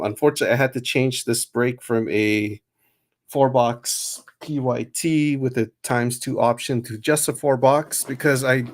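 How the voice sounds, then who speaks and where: A man hosting a live sports card break, chatting casually to viewers in a loose way, with lots of fillers and self-corrections. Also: mid-range voice.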